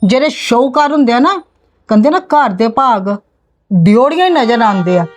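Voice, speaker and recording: A woman's voice: fairly high pitch, expressive, moderate pace, muffled recording, close to an everyday voice. A woman with a Punjabi accent playing a stern middle-aged aunt who scolds and threatens her niece's in-laws in a family drama. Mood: scolding. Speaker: bride's maternal aunt confronting in-laws. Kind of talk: amateur family drama acting.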